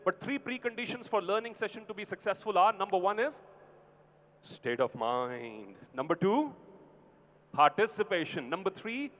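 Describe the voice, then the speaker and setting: High-voiced Indian man giving an interactive talk. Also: animated, normal speed, a bit bright. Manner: teacherly, short punchy phrases, prompting the audience with questions. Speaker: motivational speaker. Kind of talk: interactive motivational talk to a large live audience. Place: large event venue with long reverb. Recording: hall PA with long reverb.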